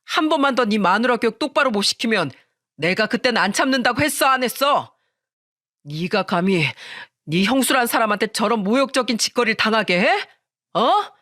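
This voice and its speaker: A woman's voice: on the high side, very animated, slow pace, no room sound, studio quality, heavily acted. A woman voicing a stern husband who scolds his younger brother in a narrated story. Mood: angry. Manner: scolding, shouting. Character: angry older brother, a husband, stern man.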